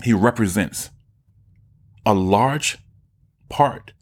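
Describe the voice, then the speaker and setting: A man giving casual, animated commentary on podcast clips, mocking and often jumping into high voices to impersonate people. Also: drawn-out words, breathy edge.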